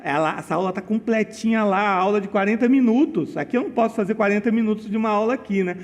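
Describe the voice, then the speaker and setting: High-voiced Brazilian man teaching grammar. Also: long reverb tail. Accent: Brazilian Portuguese. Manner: didactic, slows to spell out words and rules, uses diminutives. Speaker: exam prep teacher. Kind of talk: recorded exam-solution lesson.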